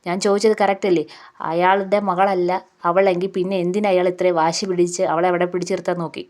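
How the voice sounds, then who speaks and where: A woman's voice: fairly low pitch, a little mellow, lightly acted. A woman voicing an angry, suspicious middle-aged woman who fires accusing questions at her family. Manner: indignant, demanding questions.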